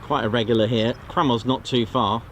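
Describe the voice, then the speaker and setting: A man's voice: mid-range voice, steady tone, brisk. An English man casually commenting and explaining aircraft on a livestream outdoors by an airfield, with fillers as he talks. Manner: chatty, explains aviation details with fillers. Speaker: plane-spotting livestream host. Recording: outdoor field recording with loud aircraft noise.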